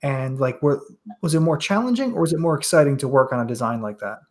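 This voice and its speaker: A man's voice: mid-range voice, expressive, fast talker. A man hosting a casual interview podcast, eager and often stumbling over his words. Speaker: podcast host.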